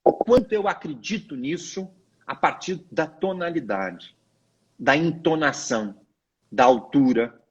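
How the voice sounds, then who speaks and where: A man's voice: slightly rough, lo-fi sound. A man, a lawyer guest on a live video chat, explaining in a didactic, emphatic way. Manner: didactic, emphatic, expressive pitch swings.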